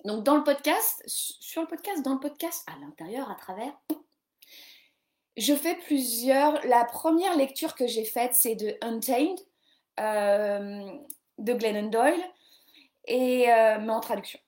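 A woman's voice: fairly high pitch, expressive, a little slow, darkish tone. A woman in her forties hosting a live reading session, rambling and self-mocking, with many fillers and restarts. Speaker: podcast host doing a live reading session. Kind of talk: casual live-stream chat about reading.

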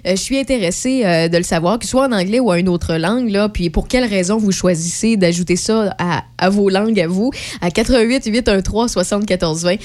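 A woman from Quebec with a Québécois accent, hosting a radio show in a chatty, rambling way, filling pauses with lots of hesitations. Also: medium pitch, darkish tone. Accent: Québécois French. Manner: chatty and rambling, many fillers. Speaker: radio host. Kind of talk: casual radio chat.

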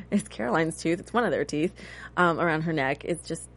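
A woman in her thirties talks through a TV episode in a loose, chatty recap. Her voice sits a little low, and she moves between animated and slightly cynical. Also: moderate pace, breathy edge. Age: 30s. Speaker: host. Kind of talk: casual TV recap chat.

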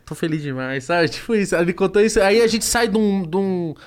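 A man's voice: high voice, quick pace. A man as a guest in a casual chat, telling stories animatedly and acting out quotes. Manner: animated storyteller, acts out quotes.

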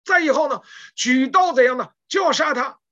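A woman's voice: sits high, lively intonation, moderate pace, pushed and bright, muffled recording. A woman preaching a sermon, retelling scripture stories with emphatic rhetorical questions.

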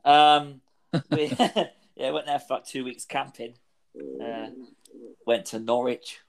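A young man chats at a middling pitch. His delivery is hesitant and halting as he shares casual personal stories. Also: steady tone, vocal fry. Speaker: podcast speaker. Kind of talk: casual chat, personal anecdotes.

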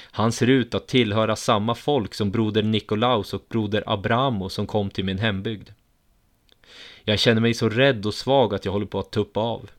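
A man reading a first-person story aloud in a steady, measured way. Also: on the low side.

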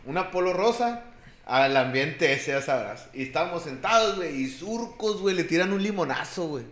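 A man's voice: on the high side, animated, moderate pace, fairly bright tone, echoey room. A man in his twenties with a Mexican Spanish accent, telling a story in casual chat, slangy, with a filler in every phrase. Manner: slangy, peppers every phrase with a filler, acts out voices in quotes.

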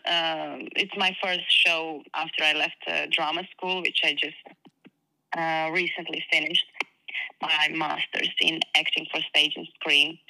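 Young croatian woman, accent, lots of ums, low bright voice. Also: low-quality recording. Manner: hesitant, many fillers, laughs easily. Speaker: guest actress. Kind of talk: casual interview chat.

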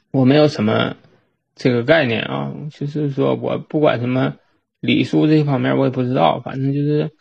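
A man with a Northeastern Mandarin accent, recalling a family memory in a halting, repetitive way with frequent restarts. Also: mid-range voice, gravelly, slightly rough. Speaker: storyteller. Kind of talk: personal reminiscence monologue. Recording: dull lo-fi recording.

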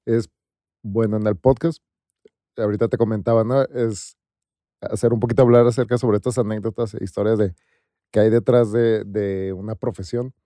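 A man's voice: fairly low pitch, steady tone, normal speed, mellow, dry recording, clean studio sound. A Mexican man hosting a podcast, asking loose, hesitant questions. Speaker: podcast host. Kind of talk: casual podcast interview.

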